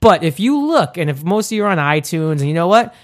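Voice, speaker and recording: A man's voice: high-pitched, big pitch swings, quick pace. Joking, upbeat male podcast host. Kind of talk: casual podcast chat with ad reads.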